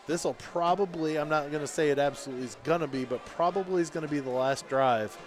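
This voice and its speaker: A man calling high school football play-by-play on local radio, building to shouts on big plays and reading sponsor spots. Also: fast. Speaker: play-by-play announcer.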